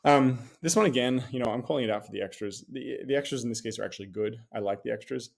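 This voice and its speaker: A man's voice: fairly low pitch, vocal fry, darkish tone. A man with an Australian accent gives a casual, wry critique of property listings, full of sarcastic asides and fillers. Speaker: real estate commentator.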